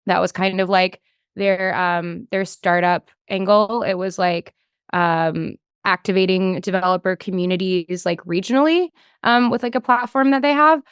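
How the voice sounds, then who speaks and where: Speaking as a podcast guest, this female developer relations engineer keeps things conversational, thinking out loud and leaning heavily on "like." Her voice is lowish, steady and clear with a resonant tone at a moderate pace. The studio recording is clean, without room sound.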